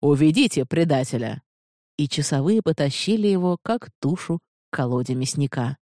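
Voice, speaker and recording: An audiobook narrator reading fantasy fiction in an even, measured way. The voice is dark and mellow, recorded dry and close with no room echo. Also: medium pitch.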